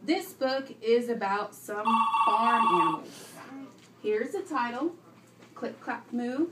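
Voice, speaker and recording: Speaking slowly in a slightly high voice with lively intonation, a woman reads a story to young children and prompts them with questions, repeating the pupils' answers as she instructs. The distant indoor classroom recording is roomy, with faint noise.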